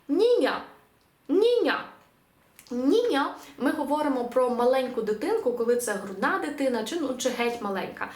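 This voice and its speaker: Lively woman teaching pronunciation. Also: on the high side, reverberant. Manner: clear, drawn-out pronunciation of example words. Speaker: language teacher. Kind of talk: online language lesson.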